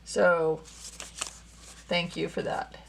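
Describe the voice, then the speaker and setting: A woman's voice: fairly low pitch, little pitch movement, very slow, vocal fry, slight background noise. A woman hosting a casual tarot unboxing video, musing to herself as she handles the cards, a little out of breath. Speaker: tarot channel host.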